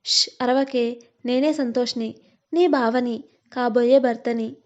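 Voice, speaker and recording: A woman's voice: on the high side, steady tone, slow, a little mellow, highs cut off. A woman voicing a teasing young fiancé. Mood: playful, doting. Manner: playful, affectionate teasing.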